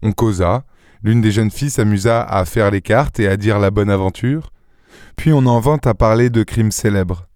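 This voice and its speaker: A man reading a classic novel aloud as an audiobook narrator, in a measured storytelling delivery into a close studio microphone. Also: fairly low pitch, a little mellow, dry recording. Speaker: audiobook reader. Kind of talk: scripted literary narration.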